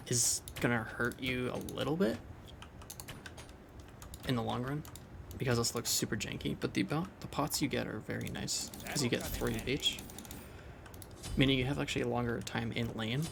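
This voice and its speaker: A man's voice: medium pitch, normal speed, creaky, background noise. A young man casually thinking aloud as he explains a game build over gameplay, loose and rambling with restarts. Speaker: game commentator.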